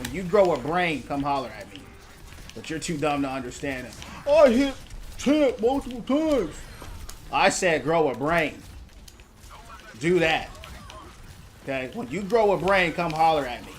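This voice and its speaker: A man streaming a game, ranting in a heated, repetitive, mocking way at a viewer in his chat. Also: a little high. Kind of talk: ranting live stream commentary.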